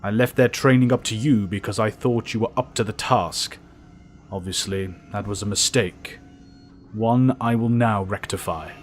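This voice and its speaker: A man's voice: lowish voice, moderate pace, faint music behind, natural voice. A man playing a stern, authoritative older professor in an audio drama, formal, blunt and commanding. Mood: stern, disappointed.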